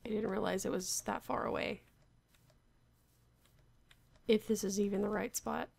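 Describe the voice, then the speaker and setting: A woman's voice: medium pitch, fairly even intonation, measured pace, gravelly, a little mellow. A woman casually talking to herself while playing a block-building game, unsure and wry, muttering about where she is. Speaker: Minecraft player. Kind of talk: casual gameplay commentary.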